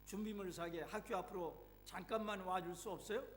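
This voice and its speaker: A man's voice: high-pitched, fairly even intonation, fairly quick, fairly bright tone, a little hiss or hum. A sulky, careless schoolboy as a male preacher acts him, whining and talking back. The voice stays close to the preacher's own and rings in a reverberant hall. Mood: pleading. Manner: whiny, talks back.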